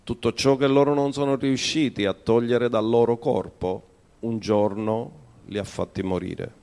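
A man preaching a sermon as pastor, dropping to a low, quiet voice and rising in emphatic bursts. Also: steady tone, unhurried.

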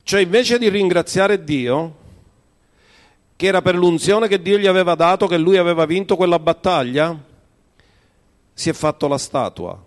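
A man preaches a sermon, his voice sitting a little high for a man. He sinks into low, hushed stretches, then swells into forceful rises for emphasis. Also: moderate pace, pauses often. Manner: preaching with sharp drops to a low, quiet voice and rising emphatic bursts. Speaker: pastor.

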